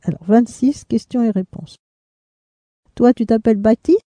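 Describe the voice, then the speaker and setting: A woman leading a language lesson, reading drill prompts in a measured cadence. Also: a little high, mellow. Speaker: language teacher.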